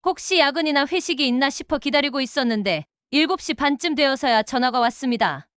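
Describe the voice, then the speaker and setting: High-voiced woman narrating a story. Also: a little fast, no room sound, clean studio sound. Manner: reads all parts in one steady voice.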